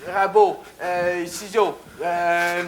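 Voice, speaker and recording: A man's voice: high-pitched, flat delivery, drawn-out words. A man playing a flustered middle-aged contestant with a Québécois accent, stammering through scattered guesses full of ums. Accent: Québécois French. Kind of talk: sketch comedy.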